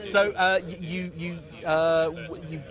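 Male host, slightly high voice, affable and rambling, outdoor crowd behind. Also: level tone, slow pace. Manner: chatty, hesitant restarts, jokey. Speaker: interviewer at an aviation meetup. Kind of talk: casual vox-pop interviews. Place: outdoors at an airfield. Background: crowd chatter.

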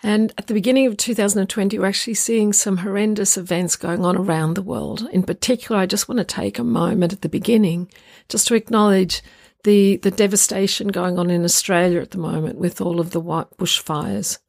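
A woman hosting a solo podcast in an informal, reflective and earnest way, her voice croaky from getting over the flu. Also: medium pitch, steady tone, a little fast, darkish tone, no echo, clean studio sound. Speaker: podcast host.

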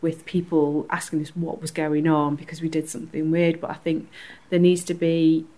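A woman's voice: sits low, little pitch movement, normal speed, mellow. A woman, a community organiser talking earnestly and with enthusiasm as a guest on a podcast interview. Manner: earnest and enthusiastic, laughs easily.

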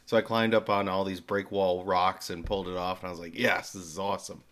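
A man's voice: low voice, fairly even intonation, fast, a bit bright. A man telling casual anecdotes as a podcast co-host.

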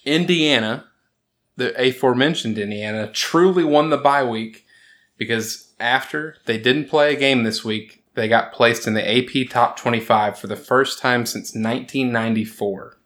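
A man hosting a casual sports chat, joking, sarcastic and quick to laugh as he runs through scores. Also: mid-range voice, a bit bright. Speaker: podcast host.

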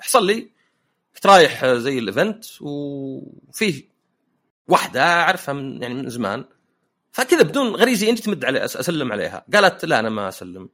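A man's voice: fairly high pitch, sing-song, fast, a bit bright. A man hosting a casual podcast chat, telling jokey personal anecdotes. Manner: anecdotal, joking storyteller. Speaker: podcast host.

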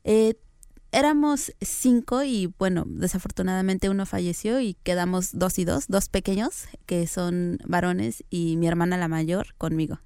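A young woman from Oaxaca, Mexico, answering interview questions in a soft-spoken, hesitant way. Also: lowish voice, measured pace, clear, resonant tone, no echo, studio quality. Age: young adult. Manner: soft-spoken, hesitant fillers, light laughs. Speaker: interview guest. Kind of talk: relaxed interview conversation.

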